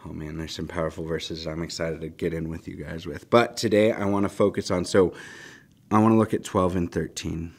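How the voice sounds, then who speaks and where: A man's voice: deep voice, flat delivery, a little fast, creaky, husky. A man in his thirties giving an earnest devotional Bible teaching at a desk mic in a small studio, often checking in with "right?". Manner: earnest, emphatic, frequent "right?" asides. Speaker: pastor. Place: small church studio, indoors. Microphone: desk mic on a stand.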